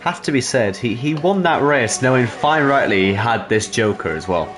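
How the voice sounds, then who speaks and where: A man's voice: mid-range voice, animated, moderate pace, fairly bright tone, faint music behind. A man commentating sim racing, analysing strategy with dry humour. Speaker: race commentator.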